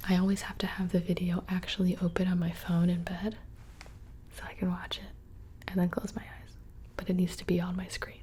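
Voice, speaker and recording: A woman's voice: fairly low pitch, level tone, a little fast, mellow, slight background noise. A young woman whispering casually and close to the microphone, rambling through questions in an ASMR video. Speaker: ASMR creator. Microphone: close studio microphone.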